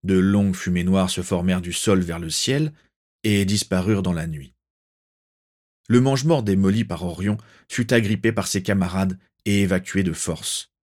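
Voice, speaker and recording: A man narrating a fan-fiction story aloud in a measured, dramatic storytelling way. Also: sits low, darkish tone.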